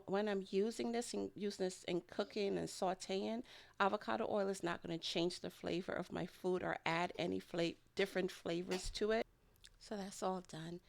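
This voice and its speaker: Casually narrating a kitchen process for her homemade food vlog, a woman rambles and chuckles lightly now and then. Her lowish voice has a gravelly quality, and she's a home food and garden vlogger.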